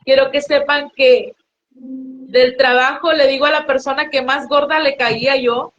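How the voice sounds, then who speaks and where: A woman's voice: sits high, steady tone, unhurried, a bit bright. A woman with a northern Mexican accent giving an earnest, heartfelt church testimony and addressing listeners as brothers and sisters. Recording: muffled lo-fi recording with faint noise.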